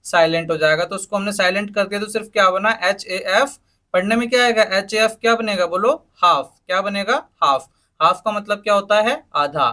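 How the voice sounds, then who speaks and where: A man teaches an English lesson in a high, bright voice. He spells each word out letter by letter and keeps asking questions that he answers himself. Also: brisk. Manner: asks rhetorical questions and answers them, spells words letter by letter. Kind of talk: spoken English lesson in Hindi.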